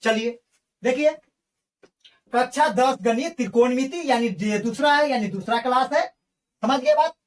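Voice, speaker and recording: High-voiced woman teacher, distant mic. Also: a little slow, pauses often, a little mellow. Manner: drills students with call-and-response questions; addresses viewers as friends. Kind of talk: online math lesson.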